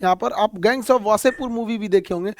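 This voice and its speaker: A high-voiced man briskly teaches a current-affairs lesson in a plain explainer style, pointing things out on a map and using many fillers.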